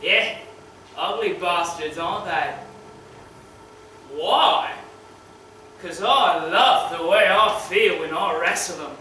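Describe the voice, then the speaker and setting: A foul-mouthed male crocodile wrestler, maimed and grieving, played by a man in a dramatic monologue. His high, slow, bright voice lurches between swagger and raw shouted despair. It is recorded from far off in a very echoey room with a faint hum of ambience. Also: heavily acted. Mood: boastful.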